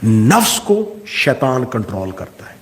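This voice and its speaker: A man giving a Shia majlis sermon to a gathered congregation, impassioned, questioning his listeners directly and dropping to a hush when he voices inner thoughts. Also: mid-range voice, very animated. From Pakistan. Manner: impassioned, swings from loud calls to hushed inner voices; addresses the audience directly with questions. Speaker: Shia preacher.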